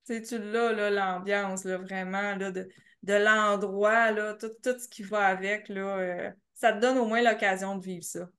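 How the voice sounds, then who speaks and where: A woman's voice: medium pitch, measured pace. A young adult woman with a Québécois French accent, telling race stories as a podcast guest, laughing often. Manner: animated storytelling, laughs often, many fillers. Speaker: podcast guest, ultra trail runner. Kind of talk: casual interview chat.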